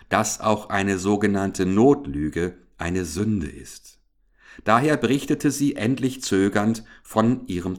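A man narrates an old children's fairy tale with a calm, measured storytelling delivery. His voice sits fairly low, and the text is read in a steady, scripted way.

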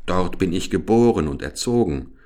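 Proud homesick reindeer, deep and longing, a man reading it. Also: animated, moderate pace, mellow.

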